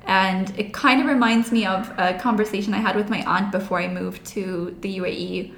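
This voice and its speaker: A woman's voice: medium pitch, fairly even intonation, fairly quick, creaky, fairly bright tone, roomy sound, a little hiss or hum. A woman in her thirties with a west of Ireland Kerry accent, talking thoughtfully and candidly as an interview guest. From County Kerry, Ireland. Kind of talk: reflective conversational interview.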